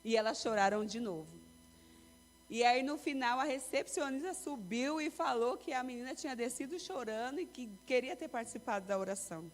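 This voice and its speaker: Woman telling a lively church testimony. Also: fairly high pitch, a little fast. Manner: lively storytelling, acting out quoted voices. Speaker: church speaker giving testimony. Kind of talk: sermon testimony. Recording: long reverb with faint music.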